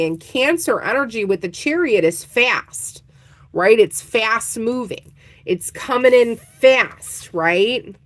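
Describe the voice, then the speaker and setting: A woman giving a casual tarot reading, chatting straight to her viewers and laughing easily. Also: a little high. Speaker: tarot reader.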